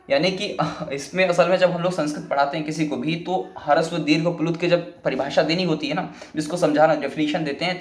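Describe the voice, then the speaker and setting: Man patiently teaching, echoey room. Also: fairly high pitch. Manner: repetitive, patient explaining with many restatements. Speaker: Sanskrit teacher. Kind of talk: explanatory classroom lesson.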